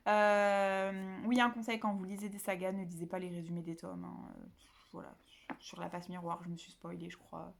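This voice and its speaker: At home, a southern French book vlogger talks to the camera about her books in a loose, rambling way, full of fillers and restarts. Her voice is lowish and creaky, flat in delivery, at a normal speed.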